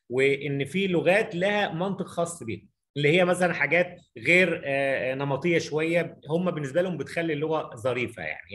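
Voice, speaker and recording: A man's voice: fairly high pitch, fairly bright tone. A middle-aged man with an Egyptian Arabic accent teaching English in a recorded lesson, asking rhetorical questions and spelling out examples as he writes them.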